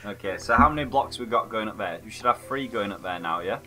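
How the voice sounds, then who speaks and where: A man's voice: on the low side, animated, fast, pushed and bright, soft background music. A man casually chatting while playing a video game, playful and giggly with sing-song outbursts. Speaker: co-host gamer. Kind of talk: casual gameplay chat.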